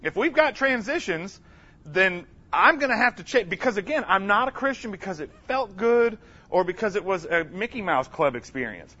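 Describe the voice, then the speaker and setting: A man giving an energetic, humorous conference lecture, emphatic and calling out to the audience for responses. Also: sits high, normal speed, husky, muffled recording. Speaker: conference speaker.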